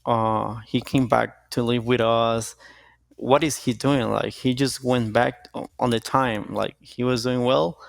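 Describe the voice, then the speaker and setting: Gravelly-voiced young man in a dry interview. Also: medium pitch, dry recording. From Costa Rica. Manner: relaxed, halting, with restarts. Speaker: jiu-jitsu athlete, guest. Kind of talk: casual interview answers.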